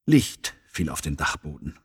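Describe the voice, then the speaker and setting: A man reading a children's story aloud in an expressive storyteller's manner. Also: a bass voice, unhurried, husky.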